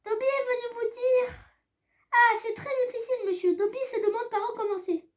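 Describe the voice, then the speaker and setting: A tiny male house-elf, as a woman reads him out, squeaking in a shrill, very high little voice. He grovels, sniffles and weeps through his words, bowing to everyone. A humble storybook creature whose voice soars way up. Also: steady tone, brisk. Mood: humble, eager. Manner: sobbing, overly humble, speaks of himself by name. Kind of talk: audiobook reading.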